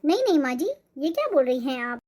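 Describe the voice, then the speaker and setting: A woman voicing a timid, polite young daughter-in-law who answers in soft pleading tones, for a cartoon. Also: high voice, sing-song, fast. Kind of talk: cartoon voice acting.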